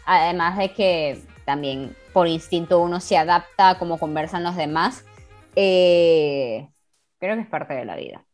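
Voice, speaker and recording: A woman's voice: lowish voice, unhurried, faint music behind. A young Venezuelan woman co-hosting a podcast, chatting casually, teasing her friend and laughing often. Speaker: podcast co-host. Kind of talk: casual chat.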